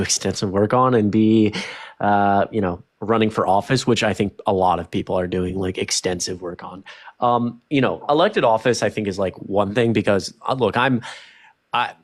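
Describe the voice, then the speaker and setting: A young man in his early twenties explaining his view in a discussion, measured and careful, leaning on fillers as he thinks. His voice sits somewhat low. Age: 20s. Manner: measured, hedging, many fillers like "like" and "you know". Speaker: debate participant. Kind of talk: political discussion.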